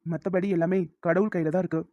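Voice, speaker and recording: A woman voicing a calm, reassuring male doctor who speaks in a gentle, measured, professional way, on a dull lo-fi recording. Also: on the low side, no echo, lightly acted. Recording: dull lo-fi sound.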